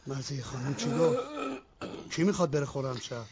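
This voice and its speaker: A frank, firm doctor, played by an actor who questions bluntly. The sound is dull and lo-fi with a faint hiss. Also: male voice, medium pitch, lively intonation, natural voice.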